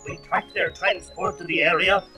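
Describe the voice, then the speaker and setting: A man's voice: sits high, fairly even intonation, normal speed, pushed and bright, faint music behind. A man voicing a fearless, determined robot leader on a 1980s read-along record. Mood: urgent.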